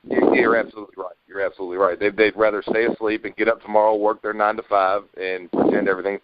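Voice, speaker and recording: A man speaks quickly and insistently on a conference call, his voice fairly low. The sound is dry and muffled, like call audio. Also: little pitch movement, no echo. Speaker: caller. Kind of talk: casual conference call chat.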